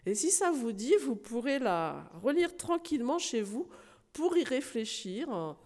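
Woman preacher, slow lively storybook reading, long hall reverb. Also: on the high side.

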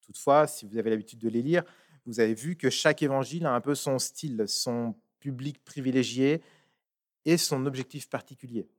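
Guy preaching a sermon, reads scripture slow then explains it, emphatic, some restarts. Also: mid-range voice.

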